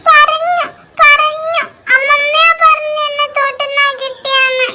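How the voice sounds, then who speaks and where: A voice actor playing a small girl in a cartoon who whines and sobs in drawn-out words. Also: very high-pitched, level tone, full character voice. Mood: pleading. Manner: whiny and sobbing, drawn out. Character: little girl who cries easily. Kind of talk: cartoon voice acting. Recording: loud background noise.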